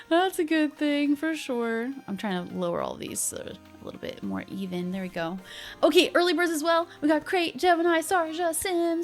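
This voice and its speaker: Picture a woman livestreamer with a high voice and a playful gamer-girl manner. She chats casually with her viewers in a bubbly, chirpy way. Music plays softly behind her. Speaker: live streamer host. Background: background music.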